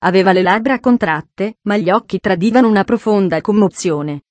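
A woman narrating a children's story in a calm, even storytelling manner. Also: medium pitch, moderate pace, no room sound. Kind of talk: audiobook narration.

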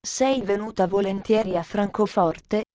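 A woman's voice: medium pitch, a little slow, lightly acted. Woman reading as a lonely, chatty rich girl. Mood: gentle. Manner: gentle, musing chatter.

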